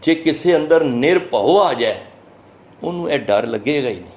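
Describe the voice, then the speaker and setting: A man with a Punjabi accent giving a sermon, explaining scripture line by line in an earnest, teaching manner and drawing verses out slowly before he explains them. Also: medium pitch, lively intonation, a little mellow. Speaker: Sikh preacher giving scripture commentary.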